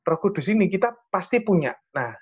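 A man's voice: sits high, big pitch swings, a little fast, husky, dull audio. A young man with an East Javanese accent tells a personal story in casual chat, earnest and rambling. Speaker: storyteller sharing a testimony.

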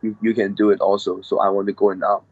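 Young fighter from Hong Kong, Hong Kong accent, halting second-language English, fairly low voice, dull dry recording. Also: male voice, level tone, darkish tone, dry recording. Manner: halting, hesitant non-native English with many fillers. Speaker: MMA fighter guest. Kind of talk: casual interview.

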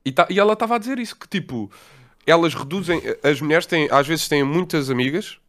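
Portuguese-accented male podcast co-host, fairly high voice, quick relaxed slangy delivery. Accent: European Portuguese. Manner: slangy, relaxed storytelling with swearing. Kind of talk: casual chat.

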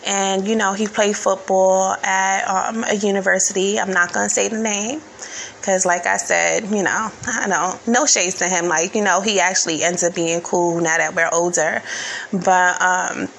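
A woman's voice: medium pitch, steady tone, normal speed, creaky, a bit bright, a little hiss or hum. A woman in her thirties telling a personal story in a candid, casual, profane way, full of fillers.

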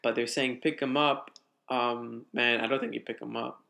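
A man recaps football games for fantasy players in an easygoing, halting way, often restarting his sentences. His voice is bright at a middle pitch. He mostly hands out practical pickup tips. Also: steady tone, gravelly. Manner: laid-back, halting with restarts, gives advice. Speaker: fantasy football podcast co-host. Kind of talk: casual sports chat.

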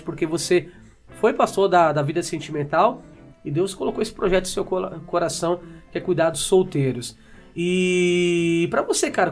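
A man hosts a relaxed chat in a high, gravelly voice. He retells conversations and asks his guest long questions. Faint guitar plays behind him. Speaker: host. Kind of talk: casual conversation.

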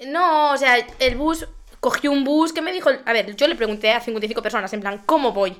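A woman's voice: high voice, fast. A young woman from co-hosting a casual podcast, telling an embarrassing story with lots of laughter and comic exaggeration. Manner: animated, laughs often, exaggerates for comic effect. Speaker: podcast co-host.

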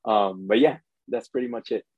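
Born in Ghana and raised in the United States from his preteens, a pastor speaks as a guest in a conversational interview, often saying "you know." His husky voice is on the low side at a moderate pace. The recording is dry and muffled.

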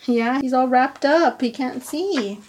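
Mother doing an interactive picture-book read-aloud, higher-pitched voice, lively. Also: slow. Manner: expressive, asks the child questions. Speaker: mother reading to her son.

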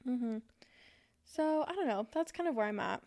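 A woman's voice: high voice, animated, normal speed, darkish tone. A woman in her twenties co-hosting a podcast, chatting candidly and hesitantly, swearing freely. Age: 20s. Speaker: podcast co-host. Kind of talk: casual chat.

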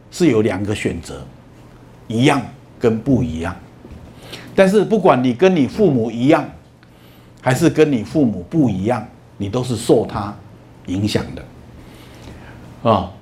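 A middle-aged male lecturer, speaking at a middle pitch in a lecture hall. He tells anecdotes in a storytelling way, with drawn-out "ah" and "oh" fillers. A faint hum of the hall sits behind him. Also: dark tone. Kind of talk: university lecture on emotions.

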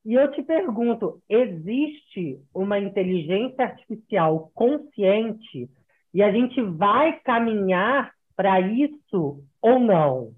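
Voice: mid-range voice, animated, takes it slowly. An interviewer asking a guest questions in a formal way on a live stream, heard over a phone line.

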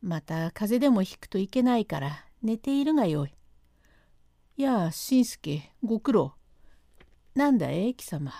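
A woman voicing a stern older master of the house who speaks curtly and gruffly, in a classic comic storytelling reading. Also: mid-range voice, big pitch swings, a little slow, pauses often, mellow, dry recording, studio quality. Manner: gruff, curt and commanding. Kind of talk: reading a classic rakugo transcript aloud.

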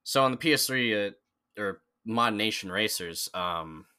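Low-voiced young man rambling casually. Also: expressive, unhurried, bright, forceful tone, smooth. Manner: rambling, many fillers and restarts. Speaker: podcast guest. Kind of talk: casual chat.

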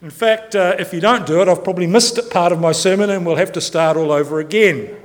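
Chatty New pastor in a reverberant church. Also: male voice, sits high, quick pace. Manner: chatty, joking, self-interrupting. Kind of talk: informal sermon.

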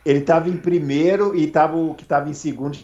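A man's voice: fairly high pitch, steady tone, quick pace, mellow. A man hosting a podcast, asking short questions and eagerly recalling details. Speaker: podcast host. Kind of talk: casual interview chat. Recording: dull lo-fi sound.

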